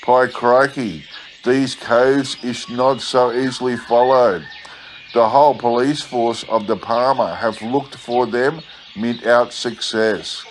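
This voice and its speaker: A man acts out an excitable German miner from an adventure storybook. He grumbles in emphatic broken English with a German accent. Steady noise sits behind the voice. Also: mid-range voice, takes it slowly, lightly acted, rough recording. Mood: agitated. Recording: clear steady background noise.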